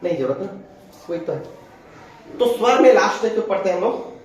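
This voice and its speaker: A man's voice: sits high, animated, darkish tone. Male teacher dictating in a very echoey room. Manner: repeats and dictates slowly for note-taking. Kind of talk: classroom lecture dictating notes. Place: classroom.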